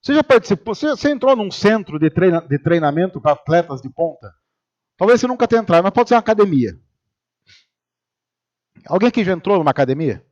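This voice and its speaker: A pastor from Brazil giving a humorous sermon in church, telling stories and acting out the voices of the people in them. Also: male voice, sits high, fast, pauses often, highs cut off. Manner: animated storytelling, acting out quoted voices.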